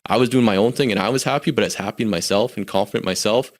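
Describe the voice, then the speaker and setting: Speaking rapid-fire in a lowish voice, this podcast guest is a Canadian man in his forties. He shares casual stories from his own life in a candid, reflective way and frequently starts his sentences over.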